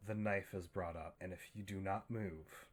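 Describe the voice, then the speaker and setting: A man narrating a tabletop horror game as game master, in a measured, suspenseful way. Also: low-pitched, steady tone.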